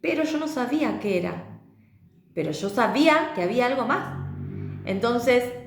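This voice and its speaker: A woman with a Rioplatense Spanish accent, teaching about self-healing in an earnest, reflective monologue and often checking in with a quick "¿sí?". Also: a little high, lively intonation, roomy sound, a little hiss or hum.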